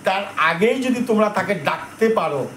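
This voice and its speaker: High-voiced male devotional storyteller. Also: expressive, normal speed, fairly bright tone. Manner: conversational, addresses listeners as mother, asks questions. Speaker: kirtan storyteller preacher. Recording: echoey room with faint noise.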